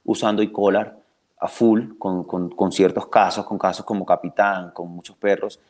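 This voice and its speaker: Speaking at a moderate pace in a low voice, a Colombian man who trains dogs lays out his methods at length in a podcast interview. He acts out owners and dogs with animation, restarting frequently.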